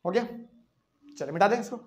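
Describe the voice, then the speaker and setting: A man's voice: high-pitched, animated, brisk, a little mellow, a little hiss or hum. A man teaching a chemistry lesson at a whiteboard in Hindi with a Bihari accent, asking the class questions as he explains step by step.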